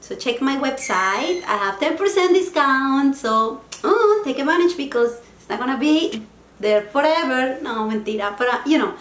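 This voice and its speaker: A young woman, a native Spanish speaker with a Latin American accent, vlogs to camera in a casual, playful self-help chat about self-care, sprinkling Spanish words into her English. Her voice is high and somewhat bright, with lively intonation and a moderate pace, and the sound is reverberant.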